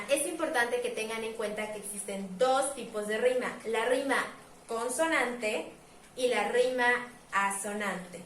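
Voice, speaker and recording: A woman teaching, patiently explaining at a board, saying example words slowly and repeating them. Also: fairly high pitch, a bit bright, a little hiss or hum. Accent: Mexican Spanish. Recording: echoey room, voice from a distance.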